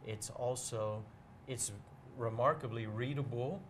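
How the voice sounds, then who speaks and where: A medium-pitched man, his intonation fairly even, is the bookseller guest in a relaxed interview. He speaks in a measured, explanatory manner, pausing to weigh his words, over a slight hiss or hum.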